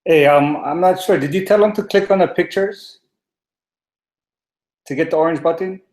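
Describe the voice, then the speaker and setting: A man's voice: fairly high pitch, normal speed, darkish tone, echoey room. A man in his forties from Hawaii, earnestly telling his own story on a webinar call from his home office, with many fillers and restarts. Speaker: panel guest. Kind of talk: personal testimonial on a webinar.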